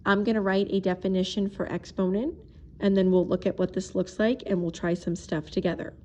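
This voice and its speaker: A woman's voice: medium pitch, a little mellow. A woman teacher recording a math video lesson, talking patiently and explaining each step while she writes.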